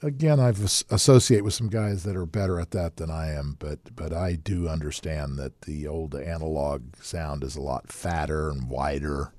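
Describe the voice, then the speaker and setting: A man with a very deep, mellow voice answers interview questions in a plain, unhurried way. He often repeats a word while he looks for the next one. The sound is dry and close, with no room around it. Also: no echo. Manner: plainspoken, relaxed, repeats words while searching. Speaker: radio station founder, guest.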